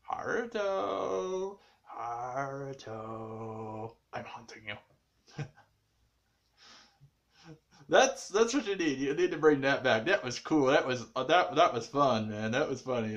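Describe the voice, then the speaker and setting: Rambling man recapping an anime episode. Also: fairly high pitch. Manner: rambling, full of fillers and restarts; swings between muttered asides and excited bursts. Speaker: anime reviewer.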